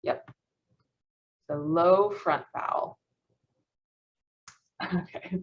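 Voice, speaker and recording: A female student gives a class presentation on phonetics over a video call, hesitating, restarting often and laughing at herself. Her voice is on the low side with drawn-out words, and the audio sounds dull.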